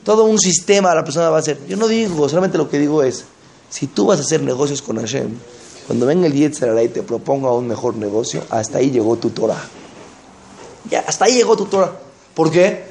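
A man giving an informal religious talk as a rabbi, conversational and full of rhetorical questions, acting out quoted people in quick asides. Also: on the high side, lively intonation, vocal fry, a little mellow, a little hiss or hum. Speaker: rabbi giving a Torah class.

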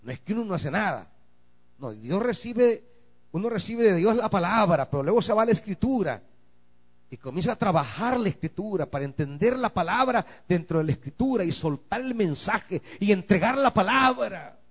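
Male pastor, high and very lively delivery, alternating murmurs with shouted emphasis to the church. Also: normal speed, slightly rough. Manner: swings from quiet asides to shouted emphasis, calls to the congregation. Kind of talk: sermon.

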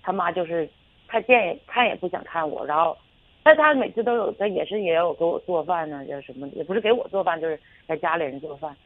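A woman's voice: lowish voice, quick pace, no room sound. A woman calling in to a radio show, telling a personal story in a hesitant, rambling way full of fillers and restarts. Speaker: caller. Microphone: telephone. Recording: tinny phone line.

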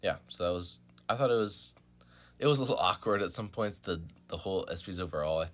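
A man co-hosting a sports podcast, talking informally and a bit haltingly, with "like" dropped in often. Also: deep voice, animated, fairly bright tone. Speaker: podcast co-host. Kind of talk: casual sports podcast chat.

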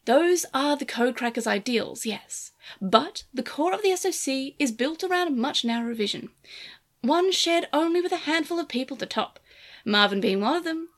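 A woman voicing a scheming, pretentious partner Digimon that speaks in a measured, lofty way. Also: high voice, expressive, pitched above the performer's own voice. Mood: cool.

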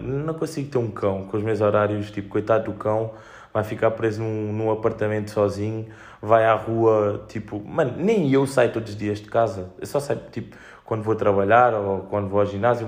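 A young man with a European Portuguese accent and a lowish, darkish voice chats casually alone as a podcast host. He tells rambling anecdotes in a slangy, sweary, joking manner.

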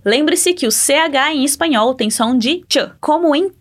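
Lively high-voiced Brazilian woman teaching. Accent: Brazilian Portuguese. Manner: encouraging, models phrases slowly for the listener to repeat. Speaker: Spanish teacher. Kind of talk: podcast pronunciation lesson.

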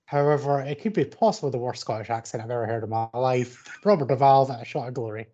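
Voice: mid-range voice, fast talker, dark tone. A co-host on a casual film podcast, talking bluntly and laughing easily. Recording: dull lo-fi audio.

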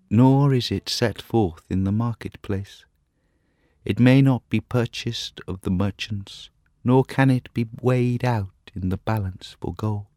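A man's voice: mid-range voice, no echo, clean studio sound, voice pushed up, lightly acted. A man voicing a lovelorn female nightingale in a storybook reading, speaking lyrically and earnestly. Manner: lyrical, earnest, softly lilting.

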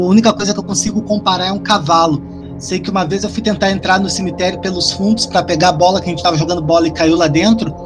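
A man spins a personal story in loose, profane, animated chat on a podcast. Music plays clearly behind him the whole time. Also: sits high. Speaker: podcast co-host telling a story.

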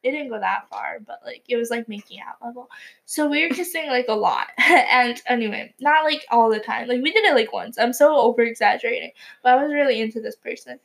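A woman's voice: a little high, a little fast, creaky. A teenage girl co-hosting a podcast, telling a story in casual chat with frequent giggles and "like" fillers. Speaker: podcast co-host.

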